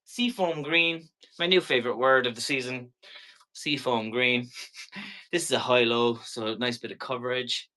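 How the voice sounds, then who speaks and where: A man hosts a live online sale in a bright, forceful voice at a middling pitch. He talks casually to viewers as he sells, rambling along chattily and dropping in jokey asides. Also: steady tone, fairly quick. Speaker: live shopping show seller and host. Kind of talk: casual live-stream sales chat.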